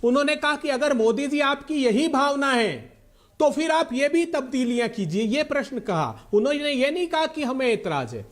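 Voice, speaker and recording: Man, Indian accent, very high raised voice, heated debate, pleading for his turn, rhetorical. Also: animated, moderate pace. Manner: insistent, pleading to be heard, rhetorical. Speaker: party spokesperson in a TV debate.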